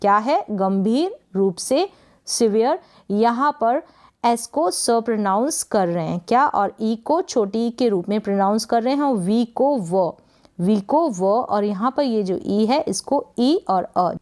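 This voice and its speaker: A woman teaching English pronunciation in Hindi, patiently repeating each word and asking quick check questions. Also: a little high, lively intonation, a little mellow. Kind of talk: spoken lesson.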